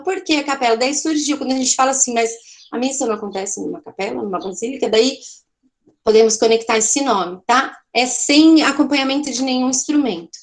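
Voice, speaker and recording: A woman teaching an online art class, explaining in a chatty way with a Brazilian Portuguese accent, often checking in with her students and correcting herself. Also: high-pitched.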